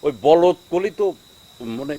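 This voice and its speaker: A man's voice: a little high, a little slow, dark tone, no room sound, lightly acted. An actor playing an exasperated young village man, pleading and agitated.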